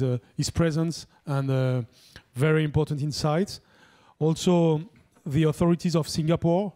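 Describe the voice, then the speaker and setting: A man's voice: a little high, dark tone. A man giving formal closing remarks at a conference, hesitant, with many fillers and restarts.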